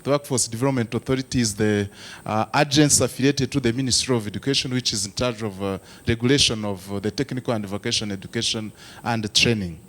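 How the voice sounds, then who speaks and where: Speaking fast in a steady, mid-range voice with a fairly bright tone, a man from Rwanda serves as lead presenter at a youth forum. He keeps the crowd engaged by putting questions to them, with frequent "uh" hesitations along the way.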